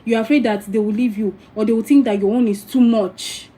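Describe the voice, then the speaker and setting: A woman's voice: fairly high pitch, fairly even intonation, fairly quick, mellow, poor audio. A Nigerian woman giving frank, preachy spiritual advice in a casual livestream, with many asides to her viewers. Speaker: spiritual teacher.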